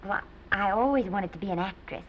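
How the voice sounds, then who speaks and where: A woman's voice: medium pitch, fairly quick, background noise, close to an everyday voice. An actress playing an eager, shy young woman hoping to act, hesitant and earnest, in 1930s film acting on a dull old soundtrack. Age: young adult. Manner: hesitant, soft-spoken, earnest. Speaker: aspiring actress.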